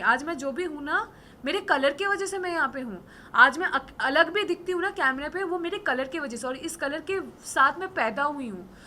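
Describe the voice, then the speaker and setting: A hoarse young woman in her twenties, an influencer and model, talking defiantly and emphatically in an interview. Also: high-pitched, sharp tone, a little hiss or hum. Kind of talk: casual interview talk.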